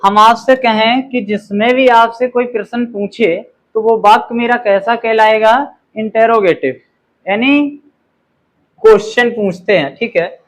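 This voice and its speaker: A man teaching a grammar lesson, explaining slowly, reading example sentences very clearly and checking in with an "okay" after each point. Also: sits high, rough recording.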